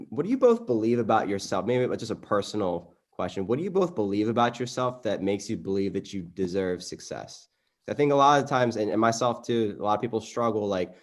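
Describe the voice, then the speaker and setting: A man hosting a group video call, affirming his guests and asking questions in a relaxed way with plenty of fillers. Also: lowish voice. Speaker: host.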